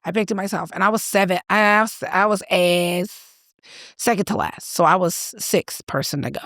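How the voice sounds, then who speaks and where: A woman co-hosting a podcast, telling a story in casual chat, animated and swearing casually as she acts out what people said. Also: medium pitch, normal speed, dry recording, clean studio sound. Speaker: podcast co-host.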